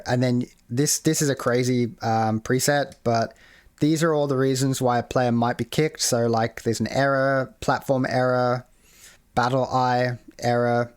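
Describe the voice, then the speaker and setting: A man's voice: medium pitch, clear, resonant tone, no echo, clean studio sound. A man hosting a casual screen-share tutorial on building a game mode, rambling with many fillers and restarts. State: hiccuping. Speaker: game modding tutorial host.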